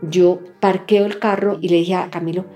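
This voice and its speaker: A woman's voice: on the low side, steady tone, normal speed, warm tone, soft background music. An older woman giving emotional testimony, her voice tense and breaking as she acts out what was said. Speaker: interviewee, widow recounting.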